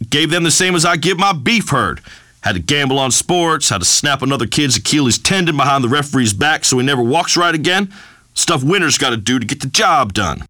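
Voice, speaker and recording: A boorish rural talk radio host, all bluster and pompous decrees, in a game's radio show. His voice sits slightly high and swings widely in pitch, with a bright, forceful edge and a dry, close sound. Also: no echo. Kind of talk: comedic talk radio monologue.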